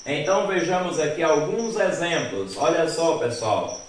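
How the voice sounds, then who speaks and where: A male teacher giving a slow, deliberate grammar lesson, asking students' questions aloud and answering them. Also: fairly high pitch, expressive, slight background noise. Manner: slow and deliberate, spelling out endings. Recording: very echoey room, mic at a distance.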